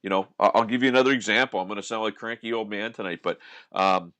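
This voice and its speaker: A man from Scotia, co-hosting a casual podcast with animated, opinionated rants full of restarts. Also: lowish voice, quick pace, no room sound. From Nova Scotia, Canada. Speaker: podcast co-host.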